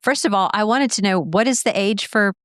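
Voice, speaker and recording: A woman's voice: medium pitch, a little fast, a bit bright, no echo. A woman hosting a casual studio interview, chatty and playful. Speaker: host.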